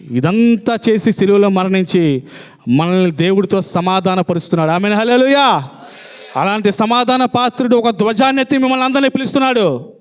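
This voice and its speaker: Man, preacher, fervent sermon, high-pitched, rhetorical challenges to the congregation. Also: smooth.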